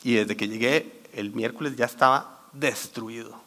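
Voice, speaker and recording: A man giving a sermon talk, telling a lively story and quoting scripture while getting over a cold. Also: medium pitch, measured pace, creaky. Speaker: church youth speaker.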